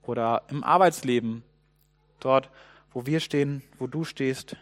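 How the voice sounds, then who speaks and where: A man preaching a sermon, telling a Bible story with lively swings between loud outbursts and hushed asides. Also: medium pitch, measured pace.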